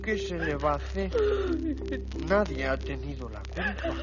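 An actor voicing a kind, soft-hearted rabbit in a children's radio play, talking gently and consolingly. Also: mid-range voice, lively intonation, a little slow, natural voice. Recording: dull radio sound over background music.

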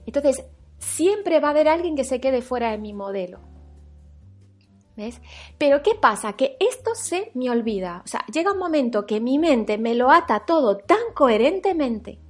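A woman from France giving a reflective recorded talk as a spiritual teacher, animated, acting out her inner voices and checking in with the listener. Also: high voice, moderate pace, soft background music.

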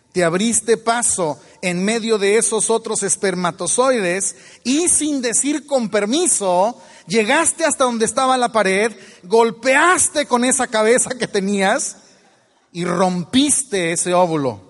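Man, Mexican accent, motivational speaker, playful, high-pitched voice, long hall reverb. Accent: Mexican Spanish. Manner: playful, acts out quoted baby voices, laughs often. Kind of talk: motivational talk to a live audience.

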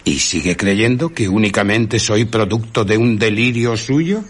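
A man voicing a husky, commanding invisible man. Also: lowish voice, unhurried. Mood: curt. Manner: calm, curt, menacing. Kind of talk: radio drama acting.

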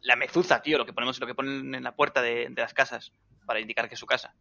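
A man chatting excitably on a podcast, casually swearing. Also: mid-range voice, quick pace, vocal fry. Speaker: podcast co-host. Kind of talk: casual chat. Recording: dull lo-fi sound.

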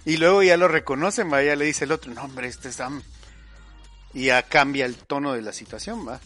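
A man's voice: fairly high pitch, fairly quick, fairly bright tone, faint music behind. A man, co-hosting a podcast and explaining his views at length with many verbal tags. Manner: talks at length, tags "¿va?" and "pongámoslo así". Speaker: podcast co-host. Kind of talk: casual opinion chat.

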